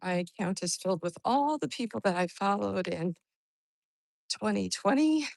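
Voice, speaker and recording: A woman with an expressive, gravelly mid-range voice livestreams while walking outdoors in hot weather for exercise. At a normal speed, she greets and answers viewers in a rambling, think-aloud chat. The recording is dry and rough.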